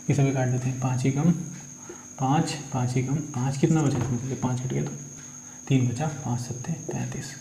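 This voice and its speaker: Male physics tutor, mellow tone, coaxing self-questioning delivery, echoey room with faint crickets. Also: medium pitch, creaky, a little hiss or hum. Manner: coaxing, asks and answers his own questions, calls students beta. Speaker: physics teacher. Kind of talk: working numericals step by step.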